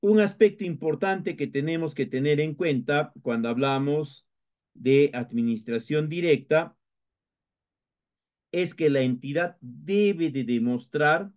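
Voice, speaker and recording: In this dull, lo-fi lecture recording, a male instructor with a Peruvian Spanish accent explains his material step by step. His voice is on the high side, slow, and a little mellow, and he often hesitates and restarts.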